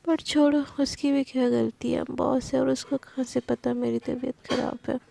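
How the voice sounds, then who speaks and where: A tired, blunt young office worker who grumbles and teases, as a woman storyteller voices her. The voice sits high yet gravelly and mellow, told like a storybook. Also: level tone, moderate pace, full character voice. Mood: grumbling. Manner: teasing, grumbling.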